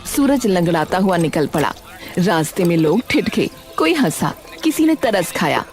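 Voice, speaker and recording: A woman narrating an animated story in a dramatic, measured storytelling manner. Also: fairly low pitch, soft background music.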